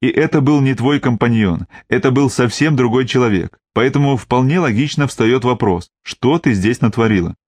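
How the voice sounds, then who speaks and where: A man's voice: mid-range voice, animated, normal speed, few pauses, darkish tone, husky, dry recording. A man voicing a wary, sardonic tough man in an audiobook, talking in a dry, mocking, cold way.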